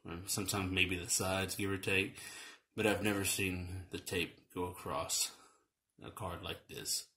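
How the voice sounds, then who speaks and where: A toy reviewer with a very low voice unboxes toys at home in a casual review. Relaxed and rambling, he fills pauses with "uh" and "um" and keeps restarting his sentences.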